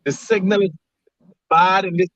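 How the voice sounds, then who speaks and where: A man's voice: high-pitched, fairly even intonation, normal speed, fairly bright tone, dry recording. A man calls in to an interview from a moving truck, and the call audio keeps breaking up and cutting out. He gives brief, offhand replies. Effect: glitchy call audio that keeps breaking up and cutting out. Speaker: interview guest calling in. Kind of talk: casual chat. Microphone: phone or video call. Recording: dull lo-fi call line.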